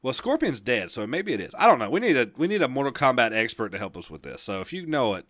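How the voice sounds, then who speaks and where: A man's voice: medium pitch, very animated, fast, a bit bright. A young man co-hosting a casual gaming podcast, rambling and enthusiastic, laughing often. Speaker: podcast co-host.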